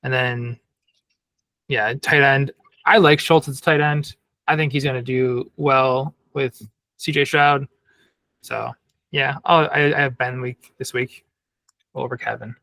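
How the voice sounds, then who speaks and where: A man's voice: medium pitch, steady tone, takes it slowly, vocal fry, pauses often, sharp tone, no echo. A man appearing as a guest on a sports podcast, talking loosely and hedging with fillers. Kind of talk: casual chat.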